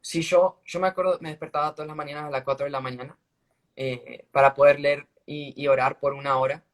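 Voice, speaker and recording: Man, slightly raised pitch, casual spoken testimony, earnest, stop-start delivery, phone live-stream sound. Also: fairly even intonation. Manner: earnest, halting storytelling with restarts. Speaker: guest sharing a faith testimony. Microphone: phone on a live video stream.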